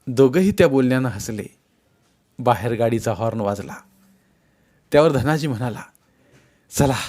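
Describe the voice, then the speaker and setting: A man reading a novel aloud in steady, measured storytelling narration. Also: medium pitch. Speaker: audiobook narrator.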